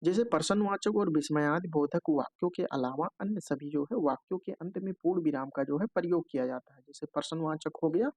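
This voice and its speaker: A man's voice: fairly high pitch, brisk, few pauses, a little mellow, no room sound. A man teaching an exam-prep lesson, explaining step by step, often filling with a stock phrase and checking in with "okay" between points. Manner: explanatory, repeats filler "jo hai" often.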